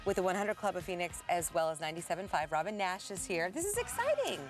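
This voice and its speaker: An upbeat woman hosts a live morning TV segment outdoors in a garden. She laughs often and keeps things moving. Music plays clearly beneath her lapel-mic voice. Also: fairly low pitch, very animated, fast. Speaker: morning TV show host. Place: outdoor garden by a hotel pool.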